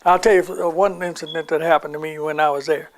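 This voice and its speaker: A man's voice: a little high, little pitch movement, fast talker. An older man recounting his wartime army memories in an oral history interview, rambling and acting out the voices of people he quotes.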